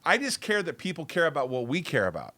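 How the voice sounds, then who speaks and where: Excitable man with a bright, tense voice. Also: fairly high pitch, quick pace. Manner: excitable, rambling, repeats words. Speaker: show host. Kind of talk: casual livestream chat.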